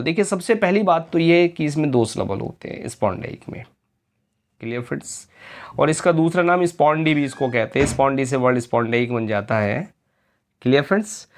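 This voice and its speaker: A male teacher in an exam-prep lecture who speaks at an unhurried, measured pace. His voice has a gravelly, creaky edge. He drags out English definitions and keeps checking whether his students have followed. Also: a little high. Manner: slow, drawn-out reading of English definitions, quizzing questions to students; repeatedly asks "clear friends?".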